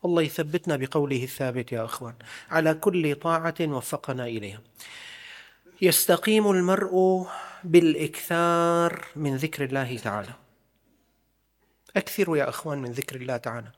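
A man's voice: a little high, fairly quick, long pauses. A man giving a religious lesson, emphatic and full of repeated rhetorical questions. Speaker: religious teacher.

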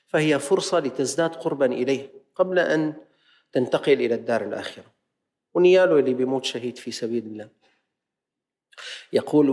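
A male preacher addresses worshippers in a mosque. He moves between brisk colloquial explanation and slow, drawn-out recitation of classical lines, and he voices the doubts of the faithful. A long reverb from the hall trails after every phrase. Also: mid-range voice, a little mellow. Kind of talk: lesson-sermon to a congregation.

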